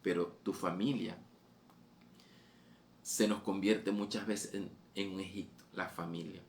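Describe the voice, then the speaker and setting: A male preacher with a low, gravelly voice delivers a fervent sermon. He repeats his phrases and lifts his voice when he urges his listeners on. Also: steady tone, a little slow, a little hiss or hum. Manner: fervent, repetitive, voice rising on quoted exhortations.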